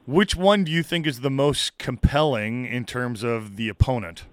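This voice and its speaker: A man's voice: medium pitch, normal speed. A man co-hosting a sports radio show, dry and teasing, asking the guest questions from the studio. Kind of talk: casual sports radio banter. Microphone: studio microphone.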